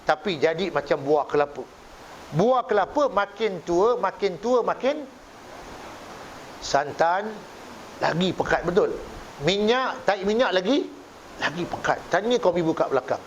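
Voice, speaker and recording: A man's voice: sits high, expressive, a little slow, pauses often. A male preacher with a Malaysian Malay accent giving a joking mosque sermon, acting out both sides of a story. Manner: jokey storytelling, acts out both sides of a dialogue. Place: mosque hall. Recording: dull lo-fi recording with faint hiss.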